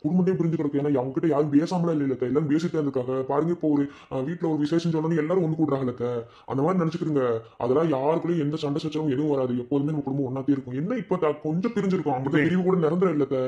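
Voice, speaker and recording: A middle-aged village man, voiced by a man, soothes his family in a cartoon. He has a Madurai Tamil accent, talks fast in a fairly high voice. The audio is dull and lo-fi. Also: warm tone, natural voice. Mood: reassuring. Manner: earnest, soothing reassurance.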